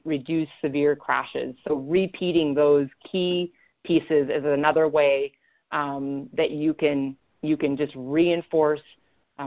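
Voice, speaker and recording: A woman presenting a webinar as a road safety engineer, talking conversationally with frequent ums and self-corrections. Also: low voice. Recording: slightly dull lo-fi audio.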